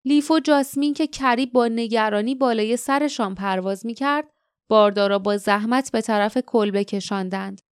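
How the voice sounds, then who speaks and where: A woman narrating a fantasy audiobook in a steady, measured storytelling manner, close to the mic in a booth. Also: a little high, clear, resonant tone, no room sound. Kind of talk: scripted narration.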